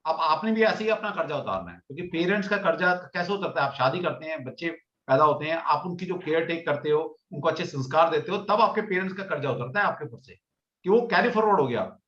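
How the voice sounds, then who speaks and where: A man with a voice somewhat high in pitch gives earnest advice as a teacher. His voice echoes around the room. The sound is a little dull. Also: lively intonation, fast talker, a bit bright. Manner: earnest, advising. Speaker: teacher, webinar host. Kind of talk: casual panel chat.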